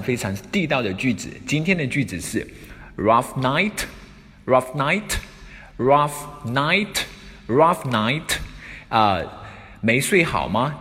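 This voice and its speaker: A man's voice: mid-range voice, fairly bright tone. Guy teaching english phrases, lots of um and ah, medium voice, reverby room. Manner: explains step by step, many fillers. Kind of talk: spoken English lesson.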